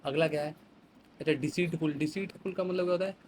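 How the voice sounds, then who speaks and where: A man's voice: a little high, fairly even intonation, fast, darkish tone, low-quality recording. A man with a slightly raised voice runs through an exam vocabulary lesson in a chatty, example-filled way, reading phrases. Faint room noise sits behind him. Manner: chatty, explains with everyday examples, mixes English words into Hindi. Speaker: teacher.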